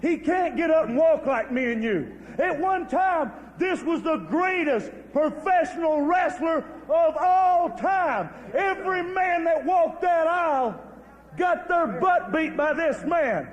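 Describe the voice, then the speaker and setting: A man, a wrestling champion cutting a promo who pleads and then shouts out challenges. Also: extremely high pitch, expressive, takes it slowly, big-room sound, highs cut off, some chatter behind.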